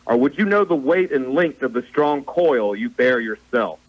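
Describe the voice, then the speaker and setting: A doom-laden male ghost, acted by a man in a radio drama. He laments and warns in a solemn, declamatory way, at a middle pitch. The broadcast sound is a little dull. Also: normal speed, natural voice. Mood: anguished, solemn. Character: mournful, doom-laden male ghost of a dead business partner. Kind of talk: theatrical radio play acting.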